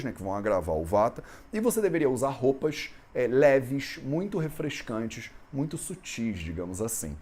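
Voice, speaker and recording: A man's voice: medium pitch, darkish tone. A man from Brazil teaching an Ayurveda lesson in a conversational way, often ending phrases with a questioning tag. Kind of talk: explanatory lesson on Sanskrit texts.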